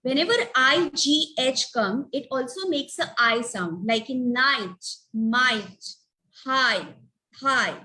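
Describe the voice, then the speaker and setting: Slow, high-voiced woman teaching phonics. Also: bright, forceful tone. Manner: spells out letters one by one, sounding out words; patient, repeats "okay" between points. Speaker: phonics teacher leading a webinar. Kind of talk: slow instructional webinar talk.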